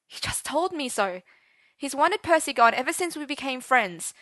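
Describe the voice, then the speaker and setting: A woman voicing an anxious teenage schoolboy who pleads in a high-strung, panicked way. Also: brisk, bright, forceful tone, breathy edge. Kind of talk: audiobook character voice.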